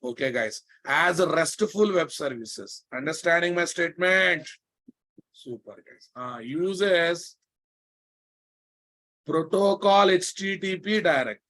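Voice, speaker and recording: A male programming instructor with a Telugu Indian accent leads a live technical lesson. His voice sits somewhat high for a man and his delivery is very slow. He repeats key phrases with emphasis and keeps checking that the class follows. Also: lively intonation, fairly bright tone. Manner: emphatic repetition with frequent check questions to students.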